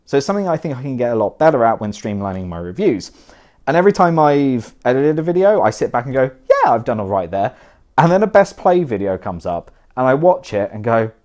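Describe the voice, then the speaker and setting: A man's voice: fairly low pitch, a little mellow. A young man giving a casual thank-you message to viewers indoors by a fire, self-deprecating, with dry asides that trail off into mumbles. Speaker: board game reviewer.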